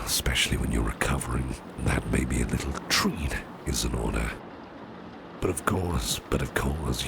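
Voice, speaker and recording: A man acts out a protective gentleman boss in an ASMR roleplay, with an extremely low, gravelly voice. He speaks slowly and softly, often close to a whisper, reassuring and courteous, over clearly audible background ambience. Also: heavy background noise, full character voice. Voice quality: very deep, gravelly, often breathy and near-whispered. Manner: gentle, reassuring, unhurried, repeats phrases softly. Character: Grimwald, caring protective businessman boss with magical travel tricks. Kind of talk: ASMR roleplay, soft personal attention.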